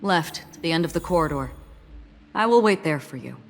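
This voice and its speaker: A woman voicing an enigmatic, melancholy wanderer in a video game, speaking in a calm, measured, solemn way. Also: sits low, soft background music. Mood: solemn, detached. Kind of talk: video game voice acting, dialogue. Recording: long reverb.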